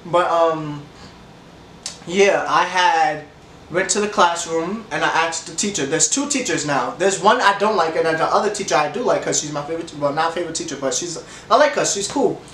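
Sitting in an echoey indoor room with a leather couch, this young vlogger tells a loose, rambling story at an ordinary pace, his fairly high voice sounding stuffy-nosed. He's lively, laughs a lot, talks with his hands and keeps starting over, while the camera mic, placed a little distant, catches a faint hum behind him.

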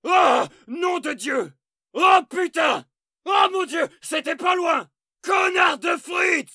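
An actor playing a frantic, foul-mouthed French Resistance fighter, yelling urgent combat barks for a video game. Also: male voice, extremely high pitch, moderate pace, recorded from a distance, a faint crowd, exaggerated voice. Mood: panicked, angry.

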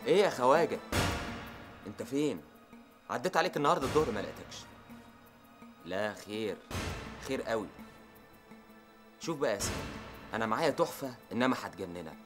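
A man's voice: mid-range voice, expressive, brisk, pauses often, music in the background, lightly acted. An actor playing a chatty, salesman-like man who speaks Egyptian Arabic and haggles on a call. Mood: cajoling. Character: smooth-talking man haggling over a necklace.

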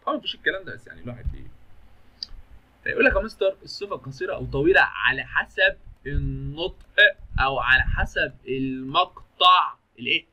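A man's voice: mid-range voice, very animated, quick pace, sharp tone. A young man with an Egyptian Arabic accent teaches English grammar in a chatty, joking way, often asking a question and then answering it himself. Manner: chatty, jokey, asks and answers his own questions. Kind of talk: lively classroom-style grammar lesson.

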